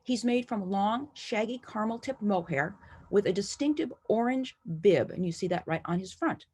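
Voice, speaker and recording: A woman's voice: medium pitch, animated, normal speed, darkish tone, slightly rough. A woman from the United States giving a friendly, enthusiastic presentation over slides from home. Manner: friendly, enthusiastic, lightly playful. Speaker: collector presenting a talk.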